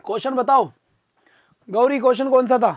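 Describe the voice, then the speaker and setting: Guy teaching a live exam class, keeps pushing students to answer fast, dry close mic. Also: very high-pitched, fairly even intonation, no room sound. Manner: coaxing, calls students "beta" and urges quick answers; reads out viewer comments and answers them.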